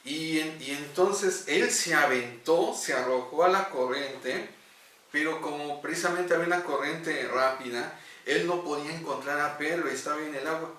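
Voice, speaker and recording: Guy telling a bible-style missions story, bright voice, lots of room echo, mic kinda far. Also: a little high, moderate pace. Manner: earnest, with hesitant fillers. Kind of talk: devotional storytelling. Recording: echoey room, distant mic.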